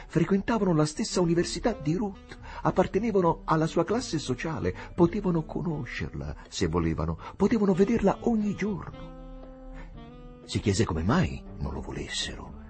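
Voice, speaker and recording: A man reading a novel aloud as an audiobook, in an expressive, dramatic way. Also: on the low side. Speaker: audiobook reader. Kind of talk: scripted narration of a novel.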